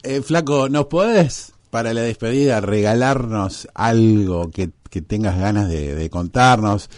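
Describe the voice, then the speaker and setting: Argentine radio host, effusive. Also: male voice, on the low side, measured pace, a little mellow, no room sound, studio quality. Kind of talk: radio interview.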